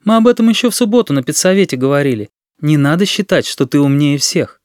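A man's voice: fairly high pitch, lively intonation, quick pace, a little mellow, dry recording, clean studio sound, lightly acted. Man voicing a stern middle-aged teacher lady, reproachful and lecturing, for a storybook reading.

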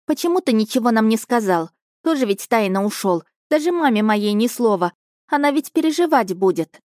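A woman's voice: expressive, fairly quick, a little mellow, no echo, clean studio sound, natural voice. A woman voicing a shaky, eager young boy in an audiobook story. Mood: pleading. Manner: shaky, pleading, high childlike voice. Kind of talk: audiobook character reading.

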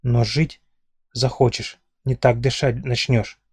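A man's voice: mid-range voice, level tone, slow, husky, no room sound, studio quality. A man voicing a furious, menacing male lord in an audiobook, growling and accusing with hatred. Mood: sneering.

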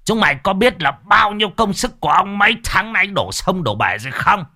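A man voicing a furious, greedy old village chief who snarls and shouts abuse at his servants. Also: high-pitched, sing-song, fairly quick, voice pushed up, heavily acted. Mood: raging, abusive. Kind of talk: storytelling voice acting.

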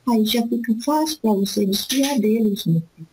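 A woman speaking as an elderly spirit guide in a spiritist session, giving gentle fatherly counsel and calling the listener "my son" after nearly every phrase. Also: a little high, lively intonation, a little hiss or hum, lightly acted, poor audio. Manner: slow, repetitive, soothing advice.

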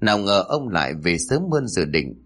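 A man narrating a family drama story in an expressive storytelling manner. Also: low-pitched, moderate pace, breathy edge, faint music behind.

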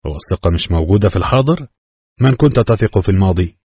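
A man reads a calm therapist in an audiobook who presses with measured questions. His voice is low and husky, in a dry, dull recording. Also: no echo, full character voice. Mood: probing.

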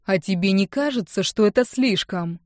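A woman's voice: mid-range voice, normal speed, no echo, clean studio sound, natural voice. Woman doing a sullen, stubborn young man. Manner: flat, terse and defiant. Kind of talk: audiobook reading.

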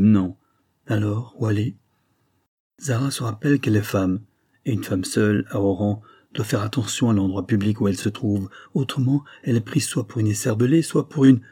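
Male audiobook narrator, grave and measured, low and husky. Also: mellow. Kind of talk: scripted novel narration.

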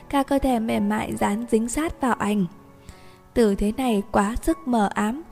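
A woman narrating a novel in an even, gentle storytelling voice. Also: a little high. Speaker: audiobook narrator. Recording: reverberant room with faint music.

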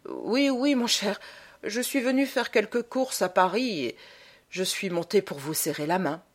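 A woman's voice: mid-range voice, a little slow, close to an everyday voice. A woman playing an awkward, scheming husband who speaks in an embarrassed, coaxing way, in a storybook reading.

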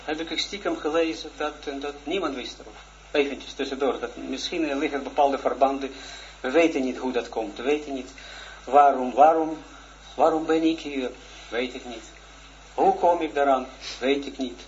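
A man in his forties, a religious teacher, giving a shy, earnest personal testimony in a lesson, halting and full of restarts. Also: medium pitch. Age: 40s. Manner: halting, hesitant, with many restarts. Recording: dull lo-fi recording with faint noise.

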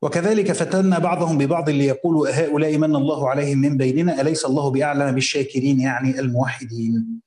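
A man with an Egyptian accent reading a classical religious commentary aloud, slowly voicing the text, then explaining it in casual colloquial asides. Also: medium pitch, fairly even intonation, darkish tone, echoey room. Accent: Egyptian Arabic.

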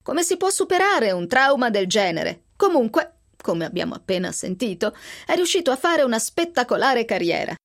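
A woman reading a novel aloud on the radio, raising her voice for the characters' lines. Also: normal speed. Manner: expressive reading, lifting pitch for quoted speech. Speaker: reader. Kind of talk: scripted narration of a novel. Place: radio studio.

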